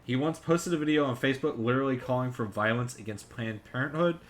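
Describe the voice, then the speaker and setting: A man's voice: medium pitch, fast talker. A man co-hosting a casual podcast, rambling and swearing while reading news articles aloud. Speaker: podcast co-host.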